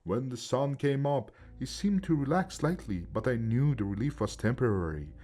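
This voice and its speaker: Male horror narrator with a mellow, breathy tone and a steady, measured read. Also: mid-range voice. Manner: steady, measured first-person reading. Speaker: storyteller.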